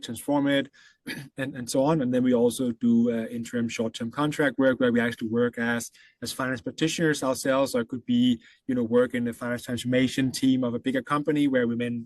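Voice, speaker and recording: A man's voice: medium pitch, fairly even intonation, brisk, a little mellow, no echo. A man from Denmark with a Danish accent, a guest consultant answering thoughtfully in a casual interview. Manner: thoughtful, with frequent fillers and restarts.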